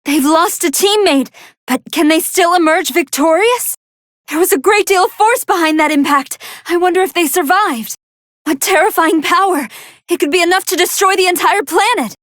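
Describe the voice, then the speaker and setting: A woman voicing a polite, soft-hearted female android scientist who gives formal, earnest and expressive commentary on fights in a video game. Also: extremely high pitch, moderate pace, dry recording, clean studio sound. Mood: amazed. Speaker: match commentator.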